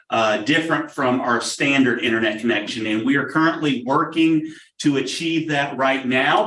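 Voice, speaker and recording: A man answers questions at a public board meeting in a measured, explanatory way, pausing often on "um." His voice sits a little high and is picked up from across a roomy meeting room, so it sounds distant and echoey. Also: fairly bright tone, slight background noise. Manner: measured, explanatory, many "um" pauses. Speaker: district technology official.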